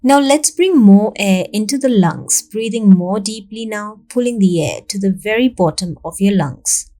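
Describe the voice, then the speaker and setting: Here a woman with a mid-range voice guides listeners through meditation, speaking in a soothing, even, unhurried manner and letting long silences fall between each instruction.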